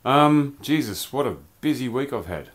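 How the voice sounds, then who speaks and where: A man's voice: mid-range voice, expressive, moderate pace. A man casually reviewing a collectible toy in a rambling, chatty vlog from his home beer cellar. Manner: chatty, rambling, loose slang.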